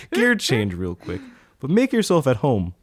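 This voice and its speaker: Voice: medium pitch, huge pitch swings, unhurried, breathy edge, dry recording, clean studio sound. An interviewer asking a musician questions in an easygoing, chatty way. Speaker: podcast interviewer.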